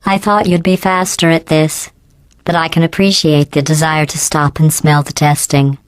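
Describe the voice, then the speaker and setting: A woman voices a passive-aggressive female AI that runs lab tests in a scripted video game performance. She sounds deadpan and falsely polite, her voice processed with robotic pitch correction into a synthetic cadence. There is no echo.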